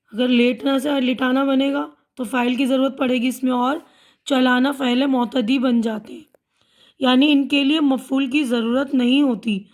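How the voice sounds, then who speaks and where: A woman teacher patiently walking students through a school lesson, repeating and explaining each word. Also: sits high. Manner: patient, repeats and glosses words.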